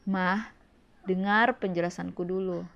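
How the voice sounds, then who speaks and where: A woman reading the lines of a calm, firm adult husband in a low, insistent way, in dull lo-fi audio. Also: a little slow, gravelly, dry recording. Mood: hushed.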